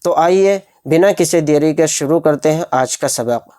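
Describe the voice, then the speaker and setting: A man teaching a Quran reading lesson, who explains quickly and drills syllables slowly. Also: fairly high pitch, dark tone. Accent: Pakistani Urdu.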